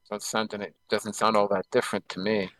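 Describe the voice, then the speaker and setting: A man's voice: lowish voice, flat delivery, quick pace, a bit bright, no echo, poor audio. A man chatting on a casual group voice call, goofy and prone to rambling, hesitant restarts. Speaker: call participant.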